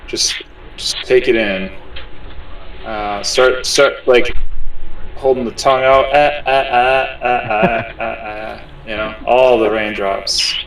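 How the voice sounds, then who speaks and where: A man playing a tabletop game, describing his character's actions in first person, deliberately and haltingly. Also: mid-range voice, fairly bright tone. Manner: deliberate, halting, searching for words. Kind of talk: improvised first-person role-play description. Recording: distant microphone.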